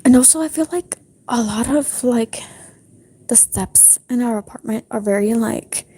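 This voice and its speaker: A young woman livestreaming in a breathy whisper, rambling casually with lots of fillers from her apartment restroom. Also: a little high, a little slow, warm tone. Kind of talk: whispered casual stream chat.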